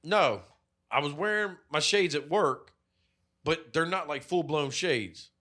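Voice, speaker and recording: This man's a little high voice sounds pushed and bright, with lively intonation and an unhurried pace. As a podcast co-host, he rambles through profane stories, swearing heavily and saying "like" again and again.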